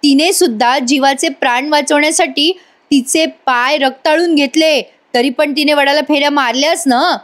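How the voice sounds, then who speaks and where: A woman voicing a domineering older mother-in-law who pleads and orders in a high voice. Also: moderate pace, close to an everyday voice. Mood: pleading. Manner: pleading then shouting orders.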